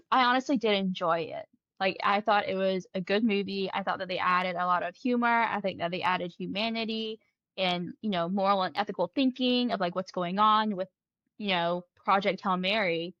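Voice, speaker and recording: A woman's voice: medium pitch, fairly bright tone, dry recording. Earnest woman guest, muffled dry line. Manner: earnest, easygoing, talks in "like" and "you know". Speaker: podcast guest. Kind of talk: casual podcast chat.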